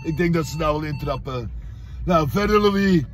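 A man records a brash, cheeky vlog message from his car, breaking into shouts now and then. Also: fairly high pitch, animated, normal speed, soft background music. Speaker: vlogger.

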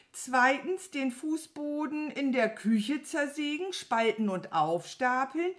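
A woman's voice: sits high, pitched above the performer's own voice. A woman playing a cheeky lad playing dumb. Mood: innocent. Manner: drawn-out, feigned confused. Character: cheeky young male puppet hero playing dumb. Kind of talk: children's story read aloud.

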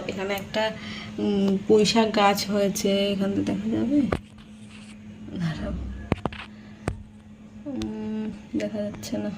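A young Bengali woman from India, chatting casually to her viewers in a home vlog, her voice a little hoarse from a sore throat. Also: medium pitch, background noise. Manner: chatty, addresses viewers directly with fillers. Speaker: vlogger. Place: at home, in and out of doors.

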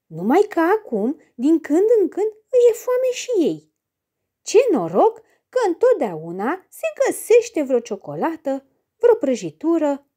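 Woman storyteller reading to children, high and very lively voice.

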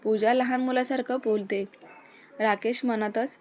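A woman reading a romance story aloud in Marathi, voicing each character's lines in a lively way. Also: fairly high pitch, measured pace, a little hiss or hum.

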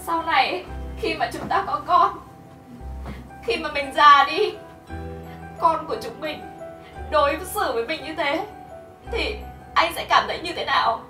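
A woman's voice: high voice, measured pace, long pauses, pushed and bright. An actress playing a devoted young wife who presses her husband with reproachful questions. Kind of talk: melodrama acting. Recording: roomy, distant mic, music behind.

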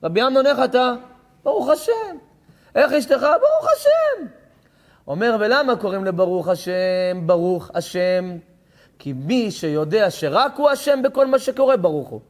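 High-voiced rabbi preaching. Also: male voice. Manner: impassioned storytelling, acting out dialogue, rising to shouts. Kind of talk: sermon.

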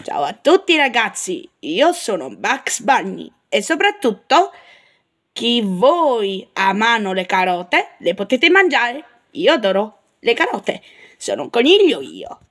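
Una donna che imita un coniglio dei cartoni, maschio e sfacciato, che saluta il pubblico. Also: female voice, on the high side, sing-song, takes it slowly, a bit bright, pitched below the performer's own voice, full character voice. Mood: breezy. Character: cheeky male cartoon rabbit.

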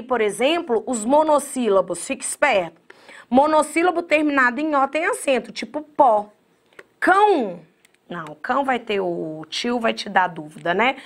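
Woman, high-pitched, lively chatty teacher, online grammar lesson. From Brazil. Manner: lively, chatty, talks straight to the students.

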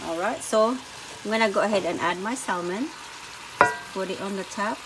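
Loud frying and sizzling fill this home kitchen as a woman hosts a casual cooking video, calling her viewers "everyone" and walking through each step at the stove. She has a medium-pitched voice and a moderate pace, and background noise is heavy.

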